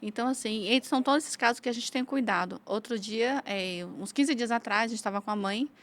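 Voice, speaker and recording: Fast-talking woman telling stories. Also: fairly high pitch. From Federal District, Brazil. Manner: lively retelling of cases, acting out quoted dialogue. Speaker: community leader, guest. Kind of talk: casual interview storytelling.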